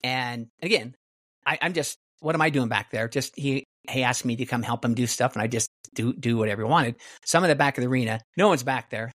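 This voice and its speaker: A middle-aged man tells stories in a casual, rambling way, backing up and restarting his sentences. His voice sits at an ordinary pitch. The recording is dry and close, with no room sound. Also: brisk, a bit bright, no echo. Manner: rambling, many restarts and fillers. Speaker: guest martial artist. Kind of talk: casual storytelling.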